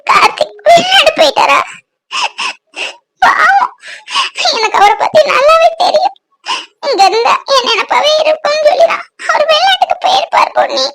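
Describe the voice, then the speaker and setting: A woman's voice: very high voice, very animated, normal speed, pauses often, shouting, very noisy, exaggerated voice. A woman voicing a heartbroken young bride in a cartoon, wailing and sobbing as she talks. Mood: tearful. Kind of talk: cartoon voice acting.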